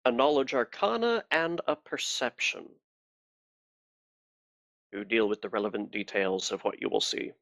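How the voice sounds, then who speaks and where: A man's voice: medium pitch, sing-song, moderate pace, long pauses, fairly bright tone, no echo, clean studio sound. A man running a tabletop game as game master, narrating in hesitant but precise phrasing.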